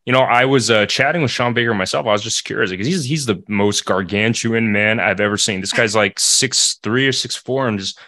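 Young man, somewhat low voice, casual co-host, loose filler-heavy chat, desk mic at home. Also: fairly quick, few pauses. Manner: relaxed, chatty, many fillers. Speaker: podcast co-host. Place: home room, indoors. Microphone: desk microphone.

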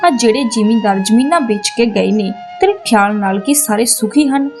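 A woman's voice: a little high, brisk, a little mellow, soft background music, lightly acted. A woman voicing a pious grown male shopkeeper who moralizes earnestly, in a storybook narration.

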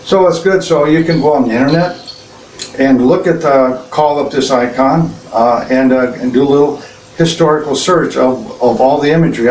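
A man gives a relaxed, conversational sermon as an Orthodox bishop, often trailing into filler sounds and starting sentences over. His voice is caught from a distance in a reverberant church. A faint hum of noise sits underneath. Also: mid-range voice. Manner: plain, unhurried, with frequent filler sounds and restarts.

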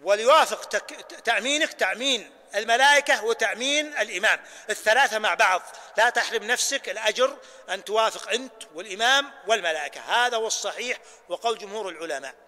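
A man with a Najdi Arabic accent teaching a sheikh's lesson on prayer, demonstrating recitations with slow, drawn-out readings. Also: high-pitched, pushed and bright. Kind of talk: hands-on religious lesson. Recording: hall reverb.

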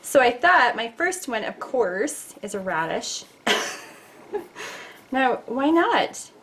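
A woman's voice: a little high, sing-song, takes it slowly, a bit bright, slight background noise. A middle-aged woman teaching a casual drawing lesson, chatty and playful, talking to her viewers as she sketches at a desk. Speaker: art teacher.

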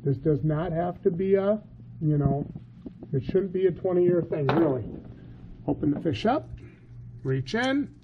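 A man's voice: on the high side, lively intonation, measured pace, pauses often, dull audio, noisy background. An American man in his thirties hosting a casual fishing vlog, talking in an enthusiastic, chummy, slangy way. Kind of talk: casual outdoor vlog talk. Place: truck cab, woods, home kitchen.

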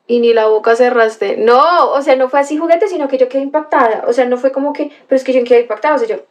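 A woman's voice: high voice, fast. A young woman chatting on a livestream, telling a story with gasps and exclamations and greeting viewers by name. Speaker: livestream host reading chat. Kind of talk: casual livestream chat.

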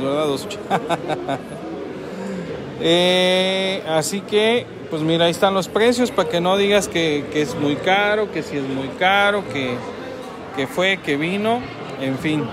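A man's voice: high voice, measured pace, a crowd in the background. A man with a Mexican accent casually reviewing a restaurant meal, repeating phrases and laughing often, filmed on a phone at a table near a road. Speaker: food vlogger.

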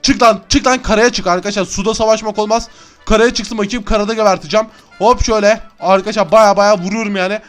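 Young male let's-play host, high and fast, excitable yeller. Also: soft background music. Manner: excitable, chatty, often yells and laughs. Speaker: gaming YouTuber. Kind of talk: Minecraft let's-play commentary.

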